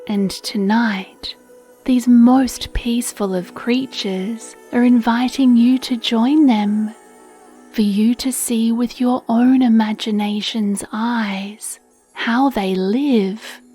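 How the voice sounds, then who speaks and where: Over quiet background music, a woman narrates a scripted bedtime meditation story for children, taking it extremely slowly. Her slightly high voice stays steady, hushed and mellow, gently breathy and soothing.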